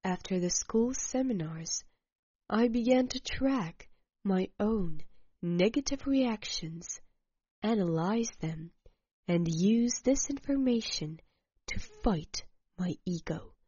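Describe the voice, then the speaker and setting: Very slow-paced woman narrator. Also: mid-range voice, animated, warm tone, breathy edge, no echo, lo-fi sound. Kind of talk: first-person story narration.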